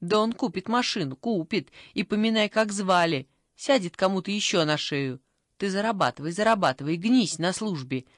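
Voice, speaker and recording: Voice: mid-range voice, normal speed, no room sound, clean studio sound, lightly acted. Narrator doing coarse ranting old mother. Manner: rough, scornful ranting. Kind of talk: audiobook character voice.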